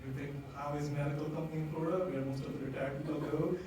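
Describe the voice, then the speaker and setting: A man with an Indian accent keeps a steady tone and quick pace, his voice a little high, as he recounts personal stories at a design event. The talk is conversational and candid with many fillers, captured on a distant mic in an echoey room with ambient noise.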